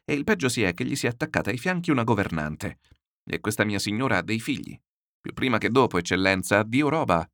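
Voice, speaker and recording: A man reading an audiobook, voicing a middle-aged male schemer who speaks to a general in an obsequious, flattering way. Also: on the low side, quick pace, dry recording, clean studio sound. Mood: fawning.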